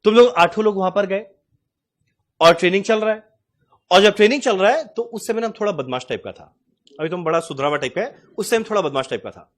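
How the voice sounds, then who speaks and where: A man's voice: high-pitched, lively intonation, fast. A man in his forties teaching cost accounting in a chatty, storytelling lecture. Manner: chatty, storytelling, addresses students as "tum log". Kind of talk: lecture with a personal anecdote.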